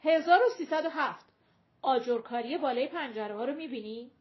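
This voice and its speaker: A woman's voice: high voice, lo-fi sound, natural voice. A woman voicing a playful adult man who jokes and teases in a mock-formal way.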